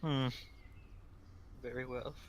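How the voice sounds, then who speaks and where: A man's voice: mid-range voice, little pitch movement, slow pace, muffled recording, slight background noise, natural voice. A man voicing a polite but haughty undead adventurer in a tabletop game, formal and theatrically disdainful. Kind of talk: tabletop game role-play.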